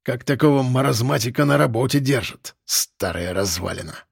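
A man's voice: expressive, moderate pace, vocal fry, breathy edge, dry recording, studio quality. A man voicing a sneering detainee. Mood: spiteful. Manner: low, muttered, sneering delivery. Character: sullen, spiteful male detainee, a gym teacher.

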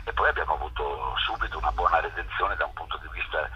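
This festival curator and film producer talks fast in a rumbling low voice, with background noise behind him. Calling in to a radio show on a rough, lo-fi phone connection, he answers off the cuff, stumbling and repeating words as he explains things.

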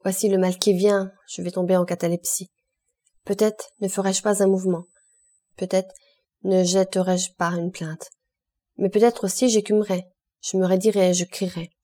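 A woman's voice: mid-range voice, little pitch movement, moderate pace, mellow, close to an everyday voice. A woman voicing an old male priest prisoner who speaks with urgent, fading pleas in a storybook reading.

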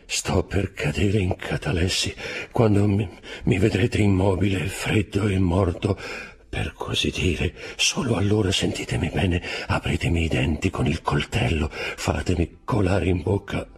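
A man's voice: deep voice, measured pace. A man voicing a stricken old prisoner priest who speaks weakly and trembles, breaking off mid-word. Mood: faint, resigned.

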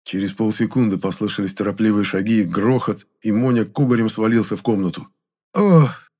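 A man reading a first-person audiobook in a steady storytelling manner. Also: lowish voice, fairly quick. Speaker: audiobook narrator.

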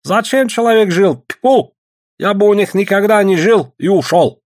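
A man voicing Sashka, a brash, rough male gold prospector who shouts and jeers. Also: sits high, moderate pace, voice pushed up, close to an everyday voice. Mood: mocking. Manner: shouting, jeering.

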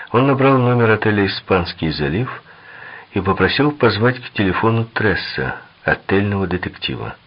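A man narrating a crime novel audiobook in an expressive, dramatic reading. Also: lowish voice, highs cut off.

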